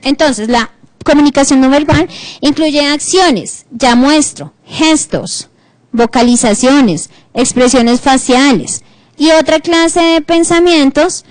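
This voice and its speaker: High-voiced Colombian woman teaching. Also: takes it slowly, no room sound. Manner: switches between reading English and explaining, animated. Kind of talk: bilingual online class lecture.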